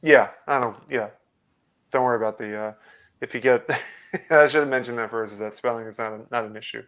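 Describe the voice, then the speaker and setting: Brief: man, trivia host on a video call, smooth clear tone, halting with fillers. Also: medium pitch, steady tone, fairly bright tone. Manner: hesitant, many fillers and restarts. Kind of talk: live online quiz hosting.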